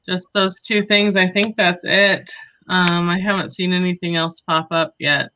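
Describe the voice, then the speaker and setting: A woman on staff chatting casually with coworkers, laid-back and quick to laugh. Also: lowish voice, fairly even intonation, sharp tone, muffled recording. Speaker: staff member.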